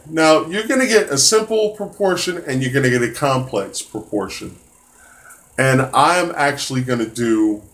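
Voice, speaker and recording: Male tutor, mid pitch, relaxed live-stream math teacher, chatty and encouraging, lots of ums. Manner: casual, encouraging, many fillers and restarts. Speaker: test prep tutor.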